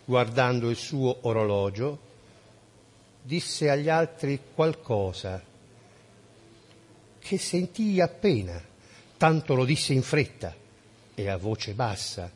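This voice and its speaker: A man reading an audiobook story in a measured storytelling voice. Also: medium pitch, expressive. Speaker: narrator. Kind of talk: audiobook narration.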